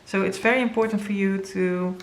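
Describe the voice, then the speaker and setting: A woman with a Dutch first language giving an earnest, halting tarot reading to viewers, with many fillers and moments where she grows emotional. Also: mid-range voice, steady tone, a little hiss or hum. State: emotional, near tears. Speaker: tarot reader.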